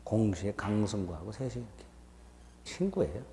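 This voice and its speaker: A middle-aged man giving a law lecture to a class, chatty and self-teasing, often dropping to a low murmur. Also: sing-song, normal speed, dark tone, in a large hall, slight background noise. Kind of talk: classroom lecture with joking asides. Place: lecture room with students.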